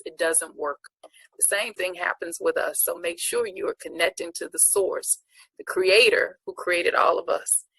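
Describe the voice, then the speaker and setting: A woman's voice: lowish voice, creaky, fairly bright tone, slightly rough, no room sound, rough recording. A woman accepting an award and giving an earnest, preacher-like speech of encouragement. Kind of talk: inspirational speech.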